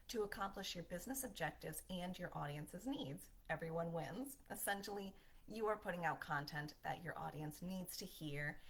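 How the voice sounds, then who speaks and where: A woman's voice: fairly low pitch, breathy edge. A woman giving a marketing lesson as a voiceover, upbeat and conversational, with a smile in her voice. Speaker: marketing instructor.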